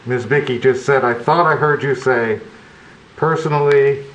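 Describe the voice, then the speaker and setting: A man speaking through a face mask at a public meeting as a commission member, giving halting, deliberate remarks. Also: medium pitch, a bit bright, slight background noise. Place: indoor public meeting room. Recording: echoey meeting room, dull muffled sound.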